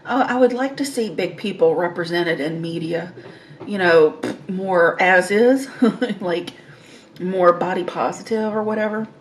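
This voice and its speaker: A woman's voice: fairly low pitch, normal speed, a little mellow, a little hiss or hum. A woman chatting casually as a mukbang host, eating and savoring her food as she talks. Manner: eating while talking, with savoring mms between phrases. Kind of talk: casual eating-show chat.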